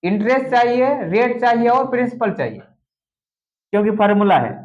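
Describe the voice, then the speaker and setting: A man's voice: extremely high pitch, expressive, normal speed, highs cut off. A man teaching a math lesson, repeating each step, asking questions as he goes and mixing in English terms. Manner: repetitive, checks in with rhetorical questions.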